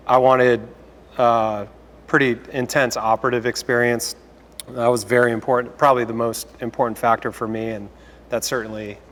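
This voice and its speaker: A young man from Chicago, an orthopedic resident on a panel, speaking haltingly with many restarts. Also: fairly low pitch, a bit bright, slight background noise. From Chicago, Illinois. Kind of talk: panel discussion. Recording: room with long reverb.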